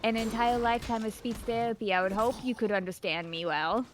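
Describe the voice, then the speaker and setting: A woman chats casually during a game stream. Her speech impediment makes her R's come out like W's, and her sh and ch sounds can be a little soft. Faint noise sits behind her voice. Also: a little high, fairly even intonation, fairly quick.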